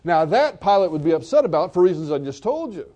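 Male preacher, high voice, vivid storyteller delivering a sermon. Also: big pitch swings, fast, warm tone, lo-fi sound. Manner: vivid storytelling, retelling scenes.

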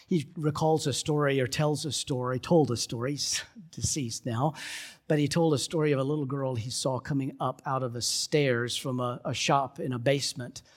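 A male pastor preaching a sermon and telling a story, moving between loud emphasis and hushed, quiet passages. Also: fairly even intonation, normal speed. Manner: dramatic, swings from loud emphasis to hushed lows.

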